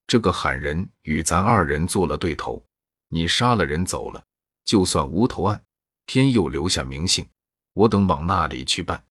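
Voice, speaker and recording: An anxious yamen constable, voiced by a male reader frets over an unsolved case. His voice is deep and husky. The sound is dry. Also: lively intonation, moderate pace, a bit bright, no room sound, exaggerated voice. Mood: worried. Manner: anxious, sighing.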